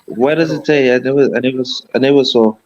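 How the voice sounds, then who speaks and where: A man's voice: medium pitch, fast, darkish tone. A man chatting casually as co-host of a stream, heard through his phone's microphone. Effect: heard through a phone mic. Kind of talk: casual chat. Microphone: phone mic. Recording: dull lo-fi phone mic.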